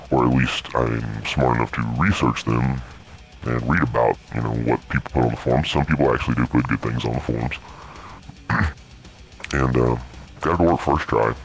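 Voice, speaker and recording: A man's voice: a bass voice, creaky. A man talking through a voice changer as an interview guest, hesitant, with many restarts and fillers. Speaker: interview guest, modpack creator. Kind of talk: casual interview.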